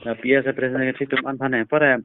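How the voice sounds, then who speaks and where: A man chatting at length over the phone, unhurried and talkative. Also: medium pitch, level tone, clean tone. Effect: heard over a phone line. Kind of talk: casual phone chat. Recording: tinny dry phone line.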